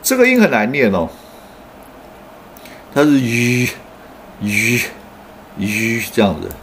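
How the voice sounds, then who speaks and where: Lively man teaching pronunciation. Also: medium pitch, slight background noise. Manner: explains patiently with frequent "oh" fillers, then models words slowly. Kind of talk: online pronunciation lesson.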